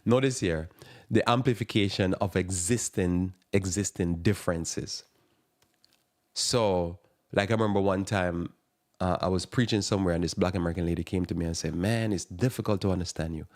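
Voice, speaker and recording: A man with a very low voice and a thick accent preaches on a radio talk program. He wanders from point to point, stumbles and repeats words, and lets out small chuckles at his own remarks. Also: steady tone, moderate pace. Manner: rambling, repeats and restarts words. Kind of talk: sermon-style radio talk.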